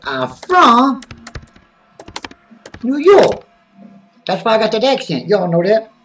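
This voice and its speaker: A man's voice: very high-pitched, sing-song, takes it slowly, creaky, fairly bright tone, far from the mic, heavily acted. A man putting on a brash, bouncy self-praising character. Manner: brash, drawling, refers to himself in third person. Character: zany boastful male wrestling-fan character.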